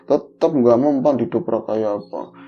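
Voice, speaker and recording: A middle-aged man with a Javanese accent, telling his own story in a casual, animated way. His voice jumps up in pitch at the tense parts. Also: a little slow. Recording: dull lo-fi audio with faint noise.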